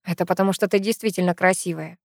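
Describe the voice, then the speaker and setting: A woman's voice: lowish voice, fairly even intonation, fast, vocal fry, dry recording, studio quality. A woman voicing a drunk, sleepy young man who murmurs and doubts himself. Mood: wistful. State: drunk and drowsy.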